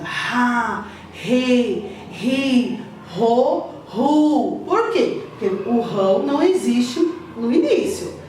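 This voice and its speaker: A woman teacher, explaining letters and syllables to parents in a slow, patient way and checking in often. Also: sits high, a little mellow. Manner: slow, patient, repeats syllables and asks "tudo bem?". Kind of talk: literacy lesson for parents. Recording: echoey room, voice from a distance, faint hiss.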